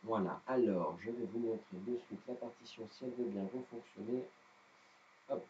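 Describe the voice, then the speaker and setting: A man's voice: lowish voice, moderate pace, dark tone, highs cut off, slight background noise. A man with a non-native French accent teaching a live guitar lesson, hesitant and self-deprecating with many fillers. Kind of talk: live-streamed music lesson.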